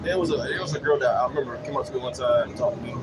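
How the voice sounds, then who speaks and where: This is a late-30s male vlogger talking very fast in a steady, mid-range voice, rambling through anecdotes on a city bus. He repeats himself a lot and peppers his offhand speech with "you know" and "you know what I'm saying." Bus and air noise are plainly audible.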